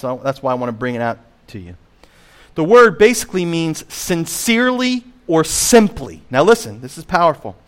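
A man preaching a sermon as pastor, emphatic, slowing on key phrases, swinging between loud and hushed, and asking the listeners direct questions. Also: a little high. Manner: emphatic preaching with wide swings in loudness and slowed stressed phrases; asks the congregation direct questions.

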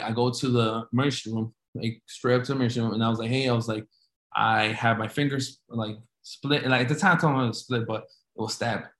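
A man telling a story casually, rambling with lots of restarts. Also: medium pitch. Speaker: storyteller recounting an injury. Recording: echoey room.

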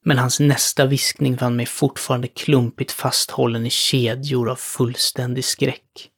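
A man solemnly narrating a horror story in the first person, with a measured delivery. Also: mid-range voice, flat delivery, fairly bright tone, breathy edge.

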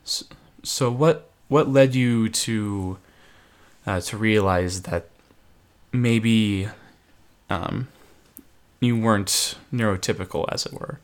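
A man's voice: lowish voice, takes it slowly, pauses often. A man hosting a casual podcast interview, asking questions with many hesitant fillers. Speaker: podcast host.

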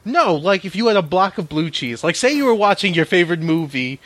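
A man co-hosting a comedy podcast, riffing absurd bits in a deadpan way. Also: high-pitched, a little fast, dry recording. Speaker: podcast co-host.

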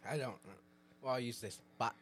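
A man co-hosting a casual podcast while eating hot wings, excitable and laughing often, restarting his words, close on the mic in a podcast studio. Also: medium pitch, normal speed, slightly rough, no room sound. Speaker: podcast co-host.

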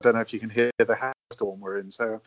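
A man's voice: on the low side, level tone, a little fast. A man talking thoughtfully and hesitantly in conversation, often repeating words as he works out a point. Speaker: natural navigation advocate, guest. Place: indoors in a wooden cabin. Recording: dull, muffled lo-fi audio.

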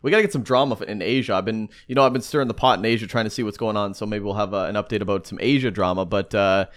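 A man co-hosting a casual podcast, rambling and animated, with lots of fillers and restarts. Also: on the low side, very fast. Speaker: podcast co-host. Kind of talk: casual chat.

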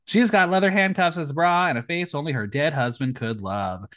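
Talking a little fast in a fairly bright tone, this man runs a podcast where he goes over a TV episode. His delivery is campy and sarcastic, punctuated by abrupt leaps in pitch.

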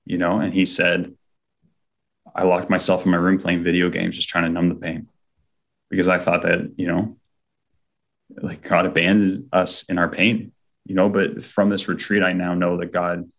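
A man telling an earnest personal faith story as an interview guest, often acting out what people said. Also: deep voice. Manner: heartfelt, often acts out quoted speech.

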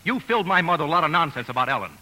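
An actor playing an exasperated, hot-headed young suitor with slangy bluster in a 1940s radio comedy. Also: male voice, fairly high pitch, very animated, rapid-fire, sharp tone, heavily acted, poor audio. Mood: angry, blustering. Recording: vintage radio broadcast, faint noise.

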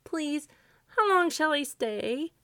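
A woman's voice: sits high, lively intonation, takes it slowly, sharp tone, dry recording, studio quality, voice pushed up, exaggerated voice. A woman voicing a timid male scarecrow in a storybook, pleading and earnest, eager to please. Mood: anxious, hopeful.

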